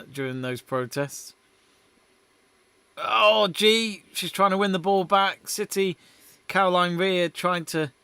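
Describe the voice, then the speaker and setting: A man's voice: fairly high pitch, pushed and bright, clear, resonant tone, dry recording. A young man hosting a live football watch-along stream, chatting casually, reading out viewer messages and calling the play as it happens.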